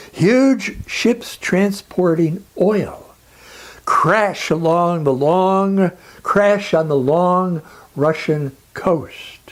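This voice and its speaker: Using a medium-pitched voice, someone gives a dramatic, scripted monologue. Pauses are deliberate, and the tone throughout is grave, emphatic, and oratorical.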